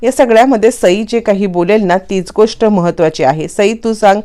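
A woman's voice: mid-range voice, normal speed, dark tone, natural voice. A woman reading a bossy, scornful schemer. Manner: bossy, dismissive.

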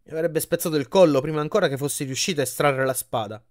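A man reading an audiobook chapter aloud with expressive delivery. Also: fairly high pitch, fast talker. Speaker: audiobook reader.

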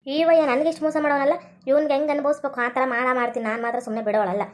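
Woman, scolding, quarrelsome, high voice, fast talk. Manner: scolding, quarrelsome village banter. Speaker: comedy sketch creator. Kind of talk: comic sketch acting.

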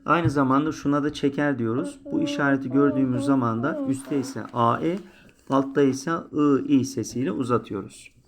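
A man teaching a Quran alphabet lesson, drawing out each syllable slowly and chanting the drills louder. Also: mid-range voice, crowd noise.

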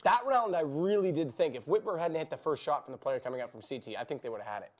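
A man's voice: fairly high pitch, lively intonation, fast. A young man in his twenties commentating live as an esports caster from a studio desk.

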